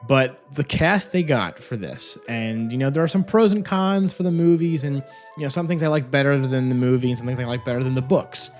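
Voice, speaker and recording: Recording in his home office with a phone camera and a separate mic, this audiobook review vlogger talks a little fast in a medium-pitched, darkish voice. His casual review is eager and gushing, and music plays behind him.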